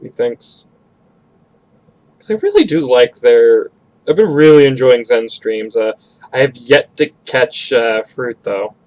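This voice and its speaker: A male streamer talks loosely as he draws, rambling between thoughts and swearing freely. His pitch sits in an ordinary middle range, and he takes his time with his words. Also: expressive, measured pace, darkish tone. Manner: rambling, profane. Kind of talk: casual chat while drawing on stream.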